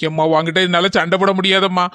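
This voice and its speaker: Cartoon casting: whiny, high-pitched, fast-talking young man with a Kanyakumari Tamil accent, bright dry sound. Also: level tone, clean tone, no echo. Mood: complaining. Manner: whiny, rapid complaining. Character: fussy young man, complaining on the phone. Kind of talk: cartoon voice acting.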